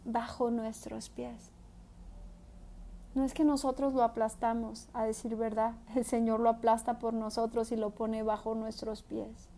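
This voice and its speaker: A woman with a fairly high but mellow voice reads scripture aloud and leads a prayer. She speaks in an earnest, gentle way and keeps her pitch flat and even. She slows down to repeat key phrases for emphasis. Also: a little hiss or hum. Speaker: Bible study host. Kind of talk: devotional Bible reading and prayer.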